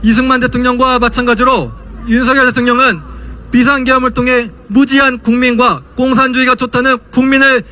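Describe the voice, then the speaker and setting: High-pitched young man giving a rally speech. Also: flat delivery, a little fast, bright, forceful tone. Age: young adult. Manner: impassioned, declamatory rhetorical questions. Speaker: student speaker at a political rally.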